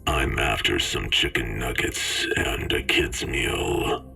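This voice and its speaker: A man voicing a menacing stranger in a car who speaks in a deep, croaky, contemptuous voice. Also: takes it slowly, sharp tone, faint music behind.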